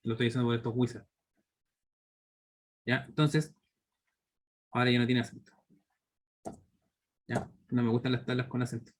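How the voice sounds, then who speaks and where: With long pauses and a completely flat delivery at moderate pace, this medium-pitched man speaks in a Chilean Spanish accent. He's a university teacher in his thirties leading a live online programming class, explaining step by step and constantly checking in through tag questions.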